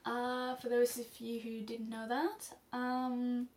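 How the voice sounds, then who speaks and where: A Norwegian teenage girl with a Norwegian accent answers viewer questions in a casual home Q&A vlog for her studyblr channel, filmed close on a camera mic. Her fairly high, slightly mellow voice is slow and completely flat, though she rambles chattily with many ums and restarts and laughs often. A faint hiss or hum is audible.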